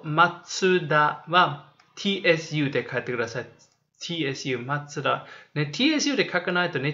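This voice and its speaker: A man teaching a review lesson to children in Japanese, saying words slowly and repeating them. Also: on the high side, sharp tone. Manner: explains slowly in Japanese, then says and repeats English words. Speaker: English teacher. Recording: dull lo-fi recording.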